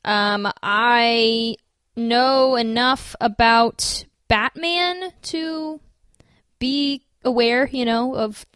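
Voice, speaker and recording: A woman co-hosting a podcast in casual, animated, joking chat. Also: fairly high pitch, drawn-out words, smooth, no echo. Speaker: podcast co-host.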